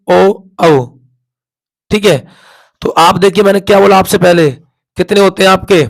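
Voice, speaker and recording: A man teaching a class, sounding out vowels again and again and asking questions that he then answers himself. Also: high-pitched. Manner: repeats sounds aloud, asks and answers his own questions. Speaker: Hindi teacher. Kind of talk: classroom lesson at a board.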